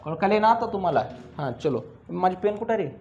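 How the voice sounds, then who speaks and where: High-voiced teacher drilling a class. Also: male voice, animated, fairly quick, a little mellow, lo-fi sound, slight background noise. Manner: asks the class constant questions, teasing and drilling. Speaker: accounts teacher. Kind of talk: classroom lecture.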